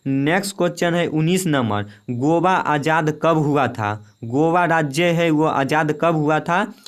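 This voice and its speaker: Clear-voiced young man drilling quiz answers. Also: on the high side, a little slow. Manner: repetitive, drilling each answer with "remember it well". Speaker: exam-prep teacher. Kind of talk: quiz lesson reading questions and options.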